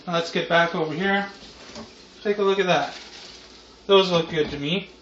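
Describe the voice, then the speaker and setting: Laid-back stoner man, higher-pitched, roomy kitchen sound. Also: normal speed, fairly bright tone. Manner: laid-back stoner talk, loose and rambling. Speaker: host of a home cooking show. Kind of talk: casual cooking vlog chat. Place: home kitchen, indoors. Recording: roomy, muffled camera audio with frying noise. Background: sizzling deep fryer.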